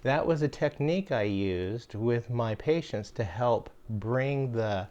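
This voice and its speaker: An older man telling stories in a relaxed, folksy way, pausing on "uh" and "um" as he goes. His voice sits at an ordinary middle pitch. He sounds like a grandfather spinning old jokes for the camera. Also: lo-fi sound. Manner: folksy and rambling, with many fillers. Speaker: homestead channel host, former caregiver. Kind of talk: casual storytelling.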